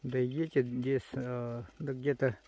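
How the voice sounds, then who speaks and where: A man's voice: mid-range voice, little pitch movement, measured pace, warm tone. A man narrating casually outdoors on a snowy sledding hill, like a father filming his children. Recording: noisy outdoor home video.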